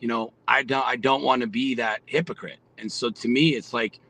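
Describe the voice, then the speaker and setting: A man's voice: medium pitch, steady tone, normal speed, creaky, pushed and bright, rough recording. A man in his forties, a podcast guest, talking bluntly and with lots of profanity in a fired-up, motivational way. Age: 40s. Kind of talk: casual podcast conversation.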